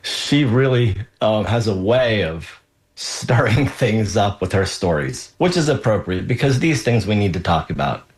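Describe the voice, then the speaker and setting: A man hosting a health radio show as a doctor, talking off the cuff in a deliberate, halting way with emphatic pauses. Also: fairly low pitch, expressive. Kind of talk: unscripted health talk.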